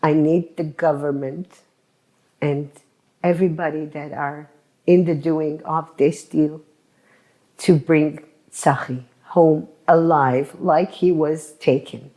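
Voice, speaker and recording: Low, slow-spoken woman, halting and pleading. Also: steady tone, dark tone. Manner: halting, repeats words, pleading. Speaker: hostage's wife. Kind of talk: emotional interview.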